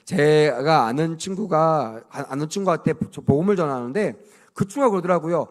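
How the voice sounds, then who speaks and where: A pastor giving an animated children's sermon in church, leading the kids in call-and-response and asking them questions. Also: male voice, a little high, a little fast. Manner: asks the children frequent questions. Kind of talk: children's sermon at vacation Bible school.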